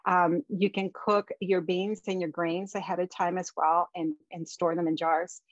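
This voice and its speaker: A woman's voice: lowish voice, dry recording. A woman presenting slides over a video call, giving practical tips in a conversational way with frequent ums. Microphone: video call webcam. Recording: dull, dry webcam audio.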